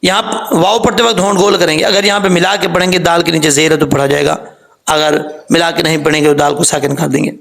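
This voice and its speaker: Male recitation teacher, somewhat high, gravelly, bright tone; patient step-by-step explainer. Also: fairly even intonation. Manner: explains slowly, drawing out recited words as examples. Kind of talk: tajweed lesson.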